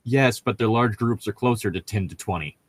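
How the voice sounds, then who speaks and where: As a podcast co-host in a casual chat, a man swears freely, makes crude jokes, and laughs often. His voice is fairly low and a little fast, with no echo.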